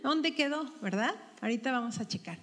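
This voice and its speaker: A woman's voice: high voice, animated, fairly quick. A woman teaching a women's Bible study group, asking questions and checking their answers. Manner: asks the group questions and tags them with "¿verdad?". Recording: long hall reverb.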